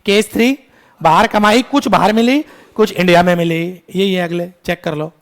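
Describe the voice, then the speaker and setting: A man teaching a tax lecture in Hindi mixed with English, quizzing his students, calling them "beta" and scolding them briskly. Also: high voice. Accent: Indian English. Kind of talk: classroom lecture.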